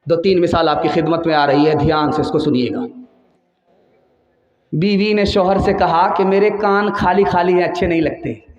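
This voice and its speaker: A man's voice: high voice, fairly even intonation, dull audio. A man giving a sermon, telling stories and acting out the people in them. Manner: acts out characters, sings verses slowly. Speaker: preacher. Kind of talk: sermon with anecdotes and sung verse. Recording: echoey hall.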